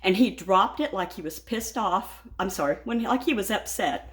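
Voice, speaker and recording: A woman's voice: mid-range voice, expressive, normal speed. A woman vlogging from her home kitchen, talking casually while she bakes, rambling and laughing often, a little shaken and frazzled. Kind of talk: casual chat while baking.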